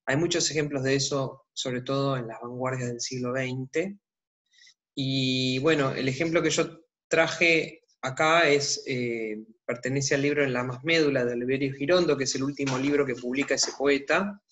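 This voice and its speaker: A man teaching a literature lesson, explaining calmly and thinking aloud as he goes. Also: mid-range voice, normal speed, highs cut off. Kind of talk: explanatory online lecture.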